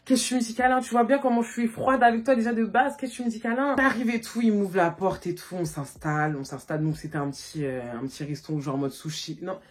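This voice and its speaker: A woman vlogger tells a story to her phone camera in a loose, animated way, scattering filler words as she goes. Her voice has a husky, breathy grain at a mid pitch. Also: fast talker, hardly any pauses. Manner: animated, slangy, full of fillers. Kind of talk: casual storytime.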